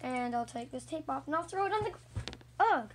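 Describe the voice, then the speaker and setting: A woman hosting a casual toy unboxing vlog, narrating chattily and excitedly. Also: high-pitched, brisk, a little hiss or hum.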